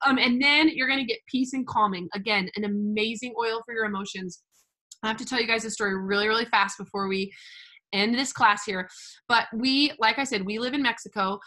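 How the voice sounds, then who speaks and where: A woman's voice: fairly high pitch, brisk, bright, forceful tone. A young woman from the United States chatting casually as she walks through an essential oils kit, gushing and filling her talk with "like" and "literally". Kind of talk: casual product walkthrough.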